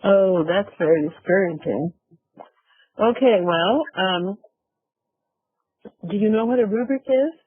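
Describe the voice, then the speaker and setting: A man presenting a lecture over a conference call, his voice high for a man and his delivery slow and halting. The call audio is thin and phone-like, with a dry, close sound. He pauses often and fills the gaps with "uh.". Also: breathy edge, no room sound. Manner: slow, halting, with many fillers. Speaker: visiting professor presenting a lecture. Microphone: computer mic on a video call.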